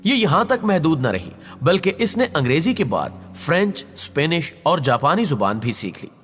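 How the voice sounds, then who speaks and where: A man narrates a story with a lively, rising and falling pitch in a measured, expressive way. His voice is a little husky and rather high for a man. A long reverb trails his words over faint background music. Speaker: storyteller and channel host.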